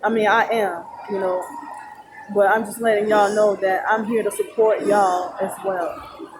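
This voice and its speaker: A sleep-deprived woman talks in a tired, halting ramble, as if to a vlog audience. Her voice sits at a middle pitch. Clear background noise from a busy indoor mall surrounds her. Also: steady tone. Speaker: vlogger. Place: loud indoor shopping mall. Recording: noisy mall ambience behind voice. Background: loud talking and mall noise.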